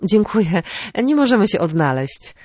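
Flustered young reporter woman read by a woman, a bit higher and livelier than the narration, dry sound. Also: big pitch swings, normal speed, darkish tone, no echo. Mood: polite. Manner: apologetic, flustered.

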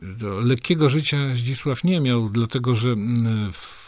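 Older man, slow deliberate reader, fillers in talk; very dry close recording. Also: mid-range voice, darkish tone, no room sound. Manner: slow, measured reading with hesitant fillers in talk. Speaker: guest reminiscing about a poet friend. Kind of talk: recalling anecdotes and reading poetry aloud.

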